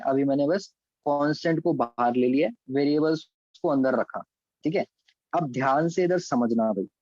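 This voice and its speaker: A physics and maths teacher with an Indian accent takes students through calculus step by step in an online class, blending English terms into his Hindi explanations. He checks in with students by name. His voice is a little high and warm, recorded with no room sound and dull audio.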